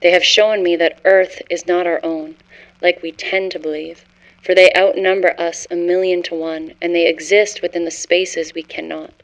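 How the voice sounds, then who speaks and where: A woman's voice: lowish voice, flat delivery, normal speed, natural voice, low-quality recording. A woman narrating a scripted horror story as a haunted scholar, in a grave, literary first-person manner. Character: haunted scholar confessing forbidden cosmic horror discovery.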